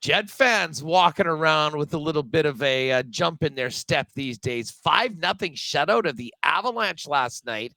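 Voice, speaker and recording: A man's voice: on the high side, animated, moderate pace, gravelly, few pauses, pushed and bright, no echo. Man on a video call, chatty sports talk. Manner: chatty, loose, with frequent um and uh. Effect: remote guest on a video call. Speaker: sports betting podcast co-host. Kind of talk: casual sports betting chat.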